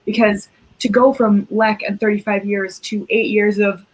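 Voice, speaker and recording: Give me a woman with a husky, slightly breathy voice, explaining her reading of a book thoughtfully in a casual online chat. She lays out her argument step by step. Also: medium pitch, little pitch movement, normal speed, rough recording. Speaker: book club panelist. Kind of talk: casual discussion on a video call.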